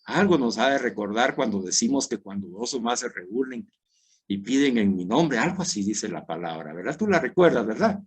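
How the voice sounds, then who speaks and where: A man leading his parish group through a scripture meditation, talking dramatically and moving between soft and loud, acting out the crowd's words. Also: medium pitch, lively intonation, normal speed, husky.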